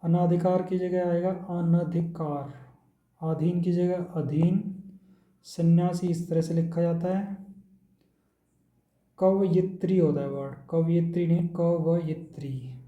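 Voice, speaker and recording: A man teaching an exam-prep lesson, going through words one by one in a steady drilling way. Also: sits high, takes it slowly, pauses often, echoey room, highs cut off.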